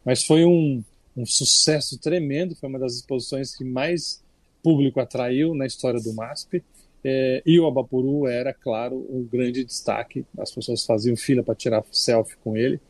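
The older critic from Brazil talks at medium pitch and a moderate pace, recorded dry. It's a relaxed radio chat in Brazilian Portuguese, frequently broken by restarts.

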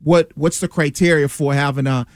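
A man's voice: fairly high pitch, fairly even intonation, moderate pace, no echo, clean studio sound. An American man, a former player, talking sports casually as a radio panelist, reasoning aloud and often repeating himself.

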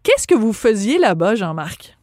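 A woman's voice: fairly high pitch, expressive, measured pace, no room sound. Playful woman radio host, dry studio sound. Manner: playful, teasing questions. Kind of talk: radio interview.

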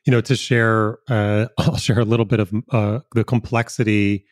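A man hosting a podcast, speaking in a halting, searching way with many pauses and fillers. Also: on the low side, flat delivery, dry recording, studio quality. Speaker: podcast host. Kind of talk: conversational interview.

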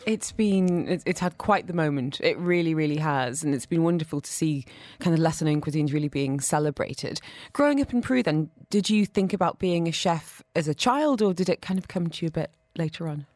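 Upbeat female radio host, enthusiastic chatter, lowish pitch, dry close mic. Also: lively intonation, a little fast, hardly any pauses, a little mellow, no echo. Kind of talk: upbeat radio talk show hosting. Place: radio studio. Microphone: studio microphone.

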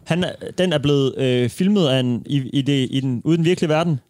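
A man's voice: mid-range voice, a little mellow, no echo, clean studio sound. A man in his thirties co-hosting a casual chat, speaking hesitantly and searching for words with many fillers. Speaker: co-host.

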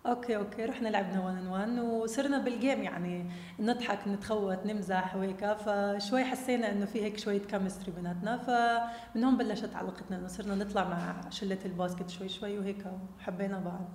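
Young Jordanian-accented woman, interview guest. Very fast, casual, English mixed in. Reverberant room with faint noise. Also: mid-range voice, steady tone, a little mellow. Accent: Jordanian Arabic. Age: young adult. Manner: mixes English words into Arabic. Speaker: interview guest, basketball player. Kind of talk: casual conversational storytelling.

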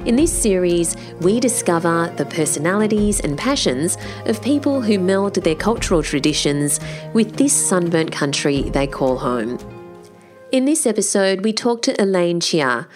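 A woman hosting a podcast, reading a scripted introduction, then asking questions with an emphatic, lively manner. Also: on the low side, unhurried, music in the background. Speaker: podcast host.

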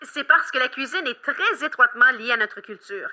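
A woman explaining things to children on a kids' show in a patient, friendly way, pausing with fillers as she looks things up. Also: high-pitched, expressive, sharp tone. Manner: patient, explanatory, hesitant fillers while searching. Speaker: children's show expert guest.

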